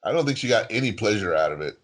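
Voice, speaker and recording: A man's voice: lowish voice, expressive, quick pace. A man co-hosting a podcast in casual chat, wry, acting out characters' lines. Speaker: podcast co-host.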